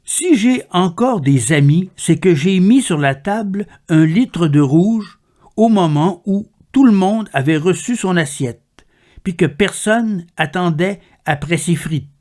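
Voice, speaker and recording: Slow, measured man reading poetry. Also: high-pitched, lively intonation, a little mellow. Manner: measured, deliberate recitation. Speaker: poetry reader.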